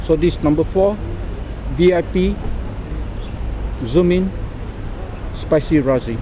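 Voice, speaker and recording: A middle-aged man with a Singaporean accent gives an informal Singlish product demonstration in halting, deliberate phrases, recorded outdoors on a small camera. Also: fairly high pitch. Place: outdoors by a car park and exhibition centre. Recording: noisy outdoor recording with traffic ambience.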